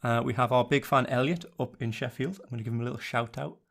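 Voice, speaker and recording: A young man hosts a casual podcast at a quick clip, his pitch sitting mid-range. He keeps the chat moving with playful teasing. His delivery is breezy and relaxed. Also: vocal fry. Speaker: podcast host.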